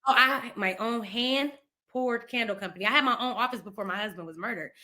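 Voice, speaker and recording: A middle-aged woman from Ohio, a podcast guest, telling an emotional personal story and acting out the quoted dialogue in lively voices. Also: on the high side, fast talker. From Ohio, USA. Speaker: podcast guest, speaker and author.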